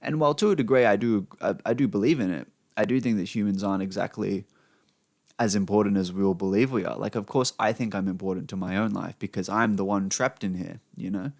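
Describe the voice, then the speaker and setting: A young man with an Australian accent talks in a loose, meandering ramble, dropping curses and "you know" every few breaths. His voice sits fairly low, and the desk-mic recording is close and dry with no room sound. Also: fairly quick, dry recording. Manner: rambling and profane, constant "you know" asides. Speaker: vlogger. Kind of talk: unplanned rambling monologue. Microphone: desk microphone he sometimes pops.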